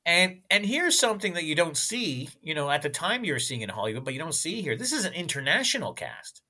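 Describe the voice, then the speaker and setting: Lively man, podcast guest. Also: fairly high pitch, brisk. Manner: animated, says "you know what I mean" often. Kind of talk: casual film chat.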